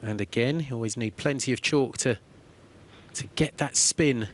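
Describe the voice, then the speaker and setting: A man giving calm, explanatory play-by-play commentary on a billiards match. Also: mid-range voice, moderate pace. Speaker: sports commentator.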